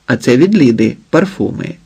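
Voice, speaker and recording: Chatty jovial son-in-law, boisterous, husky edge, as a man does him. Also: medium pitch, moderate pace. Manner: lively, jovial, loud. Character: cheerful talkative son-in-law, joking and flattering.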